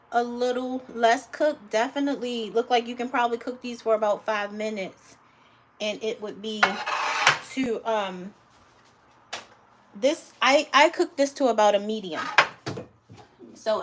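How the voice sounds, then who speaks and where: A woman's voice: a little high, noisy background. A woman home cook on a live cooking stream, chatting casually with viewers and calling them honey and guys.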